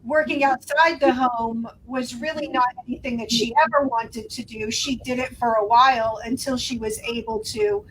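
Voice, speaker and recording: A woman's voice: fairly high pitch, steady tone, normal speed, few pauses, fairly bright tone, slightly rough, rough recording. A woman in her fifties hosting a podcast interview, upbeat and encouraging in casual chat. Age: 50s. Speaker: podcast host.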